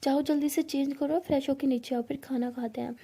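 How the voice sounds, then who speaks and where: Woman doing a brisk, fussing mother. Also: high-pitched, steady tone, vocal fry, warm tone. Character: motherly middle-aged aunt, fussing over dinner.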